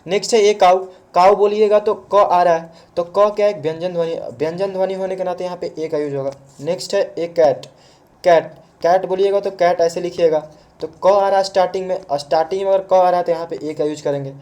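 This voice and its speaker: This online grammar lesson comes from a male teacher whose voice sits high, with a steady, slightly mellow tone and a fairly quick pace. He patiently explains step by step, answers his own questions, and blends English words into Hindi.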